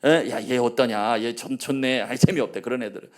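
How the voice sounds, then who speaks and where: A man in his forties, a pastor preaching a sermon, telling family stories in a low voice and rising to loud rallying calls. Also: fairly quick. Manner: swings between hushed storytelling and loud rallying calls; acts out his family's quoted lines.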